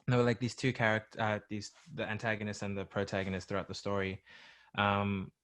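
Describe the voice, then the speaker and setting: Rambling young man, slightly low voice. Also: monotone, quick pace, a bit bright. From born in England, grew up in South Africa. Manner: rambling, many fillers and restarts. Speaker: musician guest. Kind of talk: casual interview chat.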